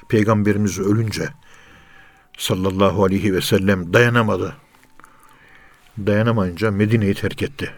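A religious teacher with a lowish voice gives a spiritual talk, earnestly urging listeners through repeated rhetorical questions. The recording has no room sound.

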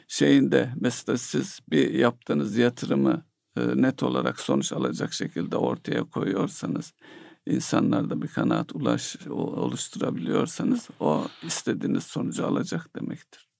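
Male economic commentator, heavy vocal fry, lively pitch, halting delivery full of filler sounds. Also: no room sound, clean studio sound. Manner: hesitant, many pauses and filler sounds. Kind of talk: analytical discussion.

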